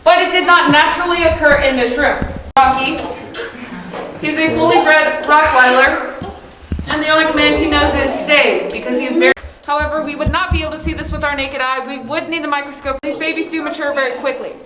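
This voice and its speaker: A woman's voice: high voice, fairly even intonation, brisk, a crowd in the background. A woman cave tour guide explaining things to a group of visitors, her voice carrying a cave echo as she is recorded from some distance inside a show cave. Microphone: vlogger's camera from a distance. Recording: echoey cave, voice from far off, with background noise.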